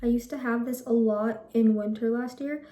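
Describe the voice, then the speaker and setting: Warm and fairly high, her voice keeps a steady tone at a moderate pace in a roomy space. The young teenage vlogger rambles casually through her skincare routine, frequently correcting herself. She speaks English as her first language and has Telugu heritage.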